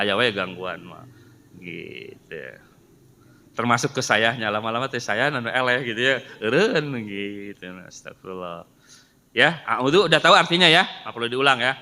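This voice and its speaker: Middle-aged male Quran teacher, animated, bright tone, echoey mosque hall. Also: medium pitch. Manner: explains patiently, asks rhetorical questions. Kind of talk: Quran study lesson. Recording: reverberant hall sound.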